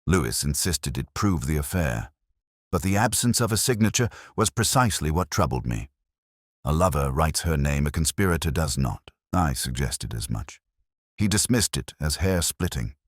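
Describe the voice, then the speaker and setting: In a rumbling low voice, a man narrates a scripted first-person detective story in a measured, literary, brooding manner. The recording is dry and studio quality.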